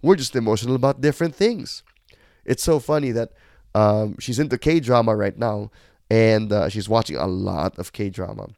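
A man's voice: fairly low pitch, normal speed, gravelly, a little mellow, dry recording, clean studio sound. A middle-aged man, hosting a reflective podcast monologue in a candid, self-deprecating, conversational way. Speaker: podcast host.

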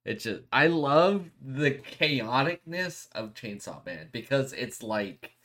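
A man's voice: medium pitch, very animated, takes it slowly, fairly bright tone. A man hosting a show in casual podcast chat, slangy and freely swearing. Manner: profane, slangy. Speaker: show host.

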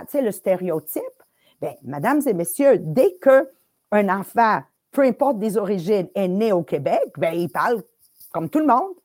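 Middle-aged woman, slightly high voice, telling stories on a talk show, keeps slipping english words in. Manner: lively storyteller, mixing English words into French. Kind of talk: animated anecdote telling.

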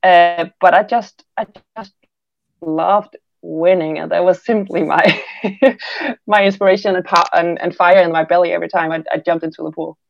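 A Danish woman in her 30s, a former Olympic swimmer, talks in English with a Danish accent as a guest in a casual interview. Her lowish, creaky voice stays fairly even at a normal speed, and she is reflective, often restarting sentences and laughing. The recording is dry, with the high frequencies cut off.

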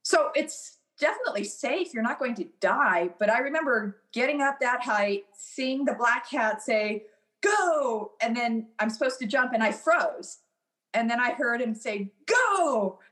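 A woman's voice: on the high side, normal speed, fairly bright tone. A middle-aged woman, a former Army officer, telling stories in a casual interview and laughing at her own anecdotes.

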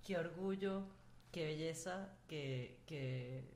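Low-voiced effusive woman host. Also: slow pace. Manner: warm, effusive, salty slang. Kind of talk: casual chat. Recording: echoey room with faint noise.

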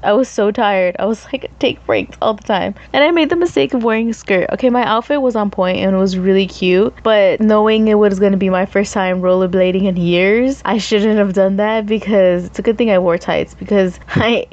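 A chatty young woman vlogging about her weekend, loose and self-mocking, with laughs breaking in. Her voice sits at an ordinary middle pitch. The recording sounds a little dull and lo-fi. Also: moderate pace, hardly any pauses, a little mellow. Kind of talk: casual storytelling chat.

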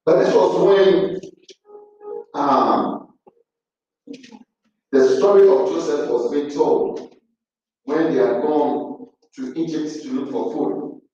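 A man preaching a sermon in an animated way, acting out the pleas and retorts he quotes. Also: fairly high pitch, slow pace, long pauses. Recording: echoey, dull sound from a distant mic.

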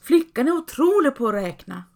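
Jolly teasing peasant dad, woman doing the voice, booming and bouncy. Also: sing-song, creaky, dark tone, exaggerated voice. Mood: hearty. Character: jovial, proud peasant father.

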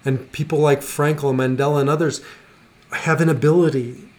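A man hosting a podcast in a reflective spiritual talk, earnest and teacherly, pausing and repeating words for emphasis, close to the microphone. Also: fairly high pitch, fairly even intonation, a little mellow. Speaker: podcast host.

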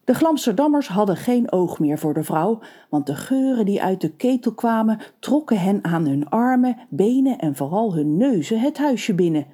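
Playful, mellow-voiced female storyteller. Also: medium pitch, moderate pace. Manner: playful, expressive. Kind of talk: scripted story narration.

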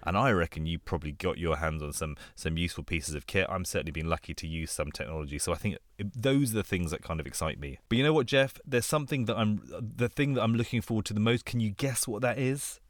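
A man's voice: sits low, quick pace, hardly any pauses, no echo, studio quality. A man co-hosting a medical podcast, chatting in an eager, teasing way. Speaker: podcast co-host, regional anesthesia doctor. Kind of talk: casual podcast chat.

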